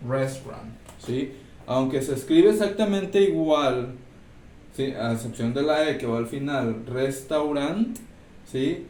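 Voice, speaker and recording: Patient teacher in a roomy classroom. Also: male voice, mid-range voice, unhurried, darkish tone. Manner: explains step by step, checks in with "¿sí?". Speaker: English teacher. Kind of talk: recorded class lesson. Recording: roomy, distant mic, faint background noise.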